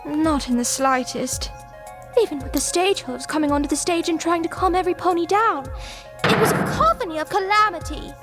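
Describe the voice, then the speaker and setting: Rarity, a woman voicing a very high posh pony. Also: brisk. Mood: refined worry. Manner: refined, theatrical diction with "darling". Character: prim, dramatic posh unicorn mare. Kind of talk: fan voice acting of a game. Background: music.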